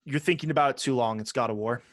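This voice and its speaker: Speaking quickly in a mid-range, somewhat bright voice, this podcast co-host chats casually and curses now and then. He reads out a ranked list and adds his own commentary. The recording is dry.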